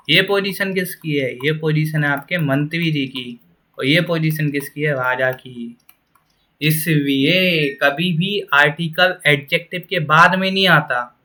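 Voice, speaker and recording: A man teaches grammar in a bright, forceful voice that sits a little high. He keeps asking questions and answering them himself. He slows right down to read each example sentence. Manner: reads English example sentences very slowly. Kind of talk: classroom-style grammar lesson.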